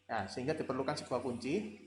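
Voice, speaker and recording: A man's voice: medium pitch, fairly even intonation, quick pace. Man lecturing casually in an echoey room. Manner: conversational, rambling with fillers and rhetorical questions. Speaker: university lecturer. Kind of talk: classroom lecture. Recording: echoey room with faint ambient noise.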